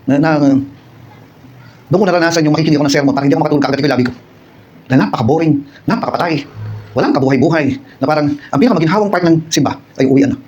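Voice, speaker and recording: Fast-talking Filipino preacher, lively. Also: male voice, a little high, highs cut off, a little hiss or hum. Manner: animated, rhetorical questions to congregation; personal storytelling with acted quotes. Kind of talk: midweek sermon, conversational. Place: church service.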